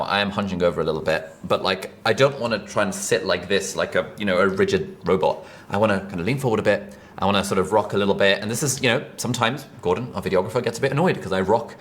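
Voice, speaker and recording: A British man teaching an online course, talking casually and chattily to camera from a desk. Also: low voice. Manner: relaxed, chatty, fast-talking. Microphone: mic above speaker, seated at desk.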